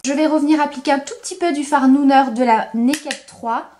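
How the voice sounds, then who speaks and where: A young woman talking through a makeup tutorial, enthusiastic, repeating words for emphasis and pausing with frequent hesitations. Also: high voice, steady tone, darkish tone, a little hiss or hum. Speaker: beauty vlogger.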